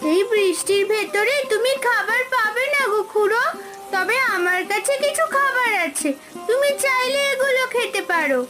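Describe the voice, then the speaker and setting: A woman voicing a kind, caring little village girl in a cartoon, earnest and gentle. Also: very high voice, normal speed. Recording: background music.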